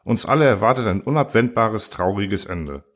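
A man voicing a huge, gentle old male alien in a storybook reading, speaking slowly and sorrowfully. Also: lowish voice, lively intonation. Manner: sad, slow and brooding. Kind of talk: audiobook character voice.

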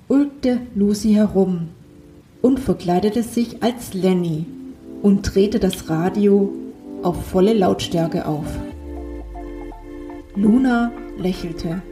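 A woman reads a children's story at an unhurried pace. Her voice is soft and dark-toned, and she changes it only slightly for the characters. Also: mid-range voice, faint music behind. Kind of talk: reading a children's story aloud, voicing all characters.

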